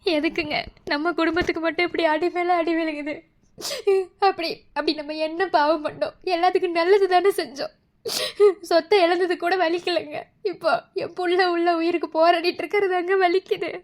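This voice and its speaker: A woman voicing an anguished mother in an animated drama, lamenting her family's misfortunes. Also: extremely high pitch, brisk. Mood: despairing. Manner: lamenting, despairing. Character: anguished mother of injured son.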